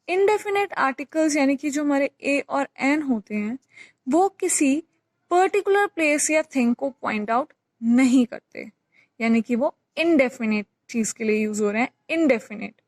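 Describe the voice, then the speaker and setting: A woman's voice: sits high, no echo. A woman teacher patiently explaining a grammar lesson, repeating key points with examples. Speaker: English teacher.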